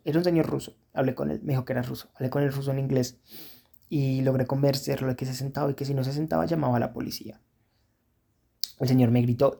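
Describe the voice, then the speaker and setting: A man recounts his own misadventures in a candid, rambling, self-critical manner. His voice is gravelly and husky, with a dark, mellow tone. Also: medium pitch. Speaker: storyteller. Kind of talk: casual first-person storytelling.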